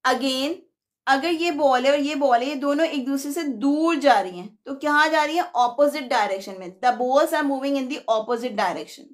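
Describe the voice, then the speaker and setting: A woman's voice: sits high, measured pace. A young woman teaching a live online lesson, explaining step by step and mixing Hindi-Urdu with English.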